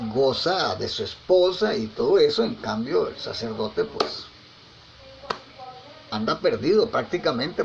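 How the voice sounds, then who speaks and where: Gravelly preacher man, lo-fi recording. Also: mid-range voice, background noise. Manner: folksy storytelling with frequent tag questions; repeats and restarts words often. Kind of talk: conversational sermon. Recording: slightly dull lo-fi with faint ambience.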